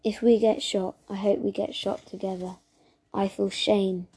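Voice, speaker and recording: A woman's voice: medium pitch, little pitch movement, unhurried, mellow, husky. A woman voicing a stubborn six-year-old girl who answers bluntly and indignantly. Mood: hushed.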